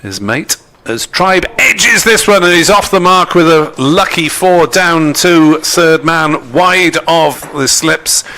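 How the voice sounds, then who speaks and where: A man giving live ball-by-ball cricket commentary in a measured, descriptive way. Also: fairly high pitch, animated, pushed and bright.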